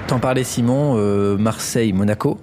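A man's voice: fairly low pitch, moderate pace, dark tone, a little hiss or hum. A man hosting a casual sports podcast, telling a story with many fillers and restarts. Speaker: podcast host.

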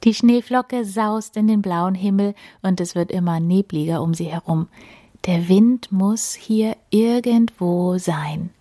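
A woman reading a bedtime story aloud, gentle and hushed, often dropping to a whisper. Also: medium pitch, slow pace, no echo.

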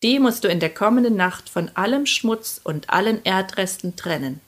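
A woman voicing a gruff, menacing old witch who growls and speaks slowly and slyly. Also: mid-range voice, lively intonation, natural voice. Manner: growling, slow and sly.

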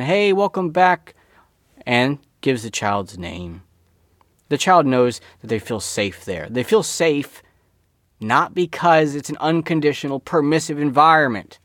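A man's voice: mid-range voice, no echo, clean studio sound. Emphatic man asking rhetorical questions. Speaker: school director giving a talk. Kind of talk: informal teaching talk.

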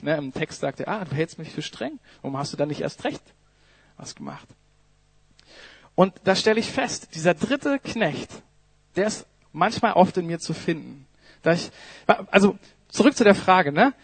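A man's voice: high voice, husky, no room sound. A man preaching a sermon in a conversational way, asking the congregation questions and adding "ne?" often.

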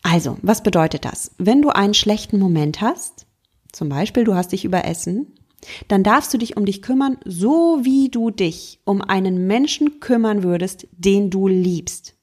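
A woman hosting a self-help podcast as a mindfulness coach, gently encouraging the listener and slowing down to stress key words, with playful mock outbursts. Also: mid-range voice, animated, breathy edge. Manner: gentle and encouraging, speaks straight to the listener, slows for emphasis.

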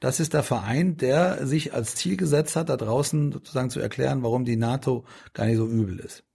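A man's voice: medium pitch, brisk, gravelly, warm tone, slightly rough. A middle-aged man in a casual interview, talking in a rambling way with many restarts and fillers. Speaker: politician guest.

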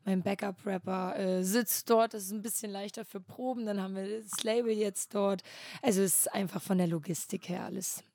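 A woman's voice: medium pitch, fairly quick, no room sound, studio quality. A woman, a rapper chatting casually as a guest in a hotel-room interview and laughing often. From Germany, Flensburg. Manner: relaxed, laughs often between phrases.

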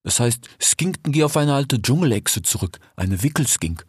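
A man's voice: mid-range voice, big pitch swings, normal speed, husky, no echo, studio quality. An actor playing a talkative male desert fox merchant in an audiobook fairy tale, tagging his sentences with a questioning "ja?". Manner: chatty, ends phrases with 'ja?'.

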